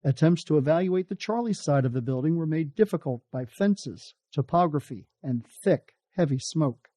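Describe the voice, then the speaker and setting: An American man delivers scripted documentary narration. His voice sits a touch high and is slightly mellow, recorded close and dry. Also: animated, normal speed, no echo.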